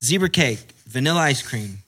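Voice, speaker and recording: A man's voice: medium pitch, lively intonation, moderate pace, fairly bright tone, husky. A man co-hosting a casual podcast, bantering in slangy, clipped, emphatic remarks. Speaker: podcast co-host.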